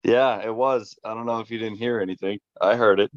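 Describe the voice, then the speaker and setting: A man's voice: lowish voice, steady tone, fairly quick, dry recording. Blunt ribbing guy in loose chat; dull, dry audio. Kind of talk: casual chat.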